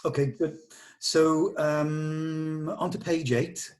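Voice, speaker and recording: Directing a script table read, a man with a fairly high, level, darkish voice gives his notes diplomatically. He explains his reasoning in a measured way, in the manner of a working conversation with actors and a writer.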